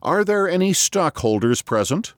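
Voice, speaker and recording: A man voicing an impudent, scornful old moneylender who calls out in a high, mocking voice, read as an audiobook. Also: huge pitch swings, a little slow, no room sound, clean studio sound, full character voice. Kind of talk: audiobook reading.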